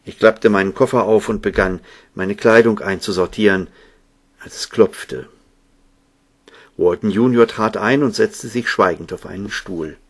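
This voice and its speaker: A man narrating a story in the first person in a calm, measured, soft-spoken manner. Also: lowish voice, breathy edge. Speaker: audiobook narrator.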